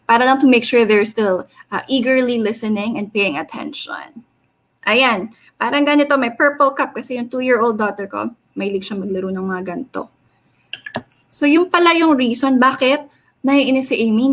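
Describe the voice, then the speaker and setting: A young woman, reading a children's story aloud in an expressive sing-song way and asking the kids questions. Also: fairly high pitch.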